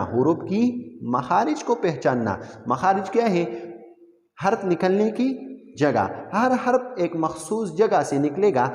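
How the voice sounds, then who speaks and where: Male religion teacher, animated, quizzing students, fairly high voice, room with long reverb. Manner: lively teaching with repeated questions to students. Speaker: Quran recitation teacher. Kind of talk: classroom lesson explaining Tajweed terms.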